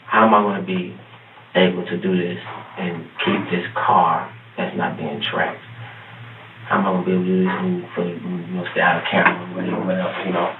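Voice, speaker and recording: A man under police interrogation, giving a halting, rambling confession full of restarts and repeats. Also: low-pitched, little pitch movement, background noise. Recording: echoey, tinny, distant room audio.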